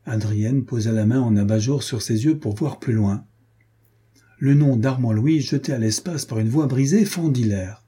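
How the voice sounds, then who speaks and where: Dark husky male narrator. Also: medium pitch. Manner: measured, storytelling. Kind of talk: scripted audiobook narration.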